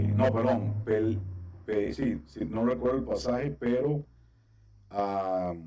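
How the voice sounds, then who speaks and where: Low, mellow-voiced male teacher. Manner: patient, explains step by step with frequent "¿ok?" checks. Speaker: Biblical Hebrew teacher. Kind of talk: online class instruction. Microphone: video call.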